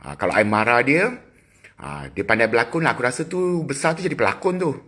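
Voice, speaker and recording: A middle-aged man with a Malaysian accent, chatting casually with viewers on a phone livestream, teasing and quick with asides. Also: medium pitch, big pitch swings, bright, forceful tone. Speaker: livestream host. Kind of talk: casual live chat with viewers.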